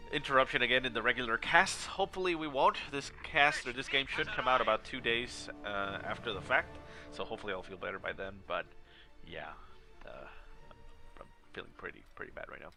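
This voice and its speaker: A man's voice: mid-range voice, animated, normal speed. A man with a nasal, congested voice, sick with a stuffy nose, commentating on a strategy game match in a casual, explanatory way. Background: video game battle sounds and music.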